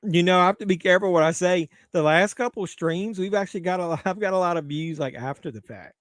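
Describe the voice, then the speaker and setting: Middle-aged man, stream host, crude jokey banter, fairly high voice, dry close sound. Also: quick pace, no echo. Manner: crude, joking banter with chat. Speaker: livestream host. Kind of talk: casual watch-along chat.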